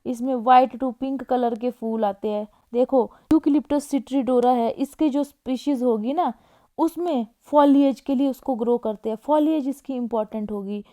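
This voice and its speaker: A woman teaching an exam-prep lecture in a casual way, often checking in with her class and reading plant names slowly. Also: high voice, dark tone. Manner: casual, repeats "ठीक है", reads Latin names slowly.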